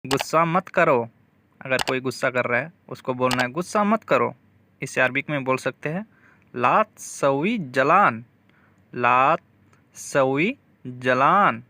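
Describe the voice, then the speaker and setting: Slow, careful male language teacher. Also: on the high side, bright, forceful tone, no room sound. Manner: slow, repeats each phrase, saying Arabic words slowly and clearly. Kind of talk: spoken phrase lesson.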